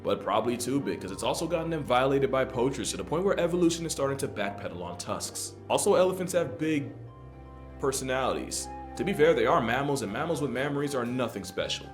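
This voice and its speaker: Animated, wisecracking man narrating over guitar music. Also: mid-range voice, fast talker. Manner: wry, irreverent wisecracking. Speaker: nature video narrator. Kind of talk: scripted comedic nature narration.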